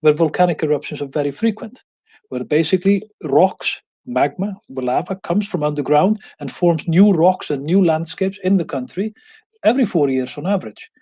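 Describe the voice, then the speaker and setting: Icelandic-born male professor, mellow tone, muffled video-call sound. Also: fairly high pitch, lively intonation, moderate pace, breathy edge. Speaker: guest professor. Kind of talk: academic presentation.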